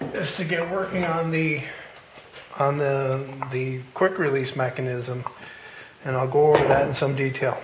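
A man hosting a woodworking video, casually walking through his build with plenty of fillers and restarts. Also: on the high side. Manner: relaxed, explanatory, with many fillers and restarts. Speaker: woodworking channel host. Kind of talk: casual shop walkthrough narration. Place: home woodworking shop, indoors. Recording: roomy workshop with faint noise.

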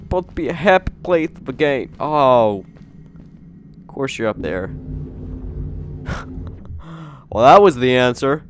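A man hosting a gaming channel, giving jokey, excitable let's play commentary and talking to himself. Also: mid-range voice, measured pace, long pauses, faint music behind.

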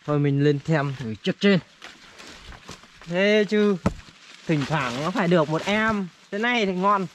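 A man's voice: sits high, a little slow, long pauses. A man chatting casually as an outdoor vlogger, hesitating and repeating words as he talks to viewers. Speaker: vlogger, host. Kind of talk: casual outdoor vlog chat while walking. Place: outdoors in forest. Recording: outdoor recording with faint noise.

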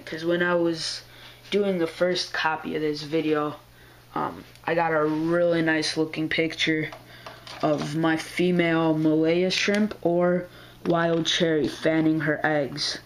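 A man's voice: a little high, a little hiss or hum. A man who is sick, with a strained throat, giving a casual video update about his aquarium. He rambles in a laid-back way, with lots of fillers and slang. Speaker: aquarium hobbyist vlogger.

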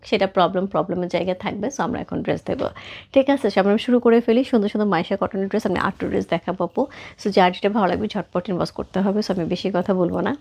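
A woman hosts a live-stream clothing sale, her voice husky and hoarse from a cold. She chats warmly along, greeting viewers by name and dropping English words into her pitch. Her pitch sits in an ordinary middle range. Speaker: live sales host. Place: clothing outlet.

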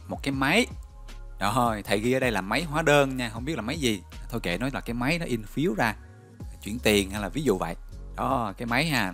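Man teaching vocabulary. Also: mid-range voice. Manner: lively, storytelling, coaxing with questions. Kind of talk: recorded vocabulary lesson with memory stories.

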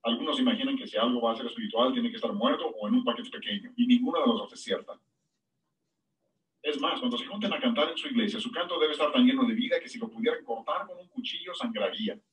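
Animated man preaching from a distance. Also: fast. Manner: animated preaching with sudden high-pitched emphasis. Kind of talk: sermon. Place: church.

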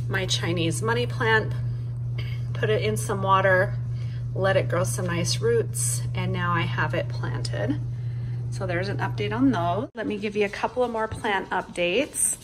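Upbeat woman in her thirties, casual home vlog narration, chatty with ums, faint hiss. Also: medium pitch. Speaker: vlogger.

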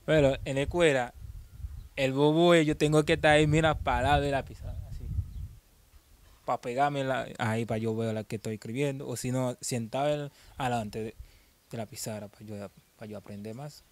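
A young man, telling his own story in an interview, halting and often repeating words as he restarts. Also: mid-range voice, steady tone.

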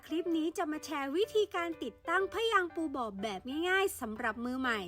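A woman's voice: high voice, lively intonation, fairly quick, music in the background. A woman narrating a how-to video in a polite, instructive, step-by-step voice-over.

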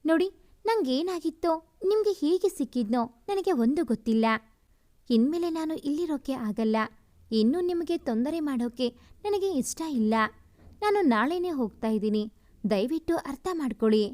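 A woman's voice: high-pitched, expressive, moderate pace, dark tone. A woman voicing a frightened, confused young woman who demands answers in a read-aloud story. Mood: anxious.

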